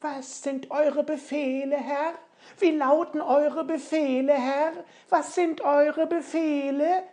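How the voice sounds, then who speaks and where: A woman voicing a group of eager little dwarves in a high, loud voice. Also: fairly even intonation, slow pace.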